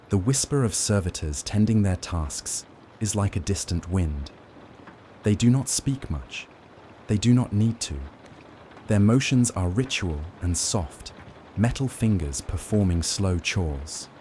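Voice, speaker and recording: A man with a very low, dark and mellow voice narrates a sleep story. His delivery is gentle, measured and soothing, lulling the listener along. A faint ambient noise sits behind the voice. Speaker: narrator of bedtime lore stories.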